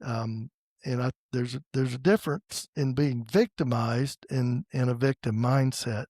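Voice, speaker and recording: Slow-talking man in his sixties, halting. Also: medium pitch, fairly even intonation, darkish tone, dry recording, clean studio sound. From United States. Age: 60s. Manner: halting, with many fillers and restarts. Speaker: podcast host. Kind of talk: casual faith conversation.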